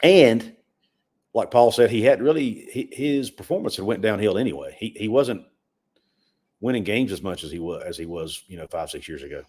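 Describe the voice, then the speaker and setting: A lower-pitched man co-hosts a livestream sports chat. He talks casually and stumbles over repeated words when he presses a point. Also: animated, normal speed, darkish tone, husky. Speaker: sports podcast co-host.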